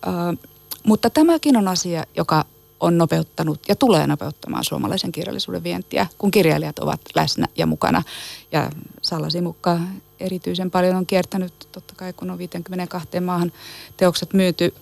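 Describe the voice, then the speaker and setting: A woman's voice: lowish voice, gravelly, darkish tone, no room sound. A woman literary agent answering interview questions with emphasis, listing words one after another and often repeating words as she starts a phrase. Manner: emphatic, piles up lists of words.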